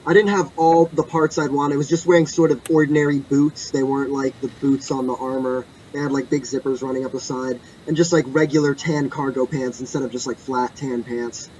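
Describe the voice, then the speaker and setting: A man's voice: medium pitch, little pitch movement, brisk, few pauses, a little mellow. A young man co-hosting a casual podcast, rambling through a story and correcting himself as he goes. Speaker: podcast co-host. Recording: muffled lo-fi mic with faint background noise.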